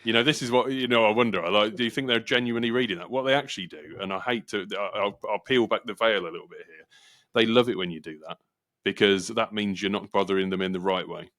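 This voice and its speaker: An English man hosting a casual podcast, talking in an animated, argumentative way and acting out quoted voices. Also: on the low side, fast. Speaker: podcast host.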